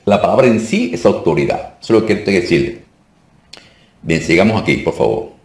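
A man's voice: sits low, lively intonation, brisk, darkish tone. Emphatic man teaching in an echoey room. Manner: emphatic, keeps asking "¿ok?" to check on listeners; repeats himself for emphasis. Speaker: deliverance minister teaching a course. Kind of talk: informal teaching talk.

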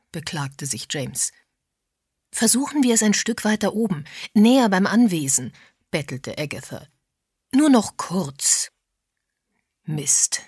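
Low, husky woman reading an audiobook. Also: no room sound, clean studio sound. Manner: reads all characters in dialogue with small pitch shifts. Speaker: audiobook narrator. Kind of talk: scripted narration.

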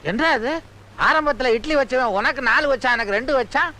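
A grumpy, complaining wedding guest. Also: male voice, very high voice, fairly quick, pushed and bright. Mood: grumbling. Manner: complaining, indignant. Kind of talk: film comedy dialogue.

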